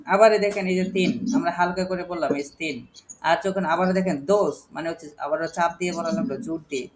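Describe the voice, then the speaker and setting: A man's voice: on the high side, flat delivery, quick pace, slight background noise. A man with a Bangladeshi accent teaching a phonics lesson to a class, spelling words letter by letter and asking his students questions. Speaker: English teacher.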